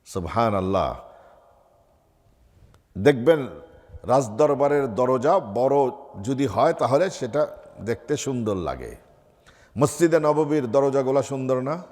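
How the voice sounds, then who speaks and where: A man's voice: medium pitch, very animated, slow pace, long pauses, a little mellow, in a large hall. A man giving a sermon as a mufti in a mosque, asking his listeners rhetorical questions and reciting Arabic before explaining it. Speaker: mufti preaching. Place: mosque hall.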